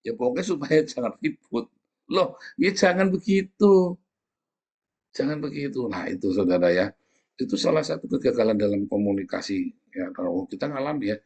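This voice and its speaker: A man's voice: medium pitch, big pitch swings, normal speed, a little mellow, slightly rough. A middle-aged man preaching a sermon in a conversational way, often asking the congregation for agreement and acting out quoted speakers in a raised voice. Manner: conversational, often asks the audience "ya kan?". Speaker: pastor.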